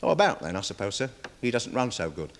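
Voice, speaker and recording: An actor playing a nervous, deferential security guard testifying in a 1970s television courtroom drama, rambling with many fillers. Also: male voice, fairly low pitch, very animated, quick pace, gravelly. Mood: worried, defensive. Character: nervous security guard witness, dog handler. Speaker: witness in court.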